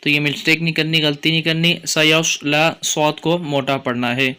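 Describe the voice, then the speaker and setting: Bright, clear-voiced Quran tutor. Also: male voice, on the high side, level tone. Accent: Pakistani Urdu. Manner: explains rules, then chants verses slowly. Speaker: Quran teacher. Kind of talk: tajweed lesson with chanted recitation.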